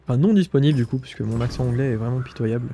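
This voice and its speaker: A man's voice: mid-range voice, rapid-fire, mellow, soft background music. Stuffy-nosed man musing over his game. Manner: thinking aloud, hesitant with fillers. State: stuffy nose. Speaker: gaming streamer. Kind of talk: casual gameplay commentary.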